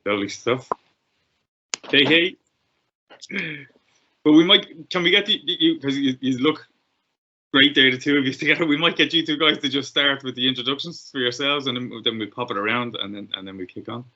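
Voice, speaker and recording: A man's voice: mid-range voice, fairly quick, sharp tone. Chatty Irish man hosting a video call. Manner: chatty, restarts often. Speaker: host of an information call. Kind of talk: casual chat. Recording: muffled video-call audio.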